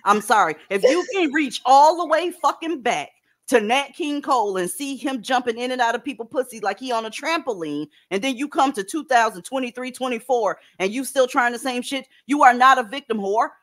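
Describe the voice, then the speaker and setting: A woman's voice: high voice, expressive, brisk, a bit bright. Woman host, blunt and cussing, with a bouncy, swinging voice. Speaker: podcast host. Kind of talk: profane commentary chat.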